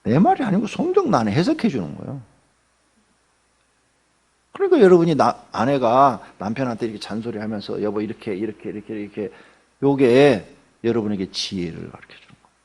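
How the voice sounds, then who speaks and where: A man's voice: medium pitch, very animated, fairly quick, long pauses, a little mellow, husky. A man preaching a dawn sermon in a church, talking conversationally, asking the congregation questions and joking. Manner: acts out everyday people in quotes, joking. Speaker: pastor. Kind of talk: early-morning sermon.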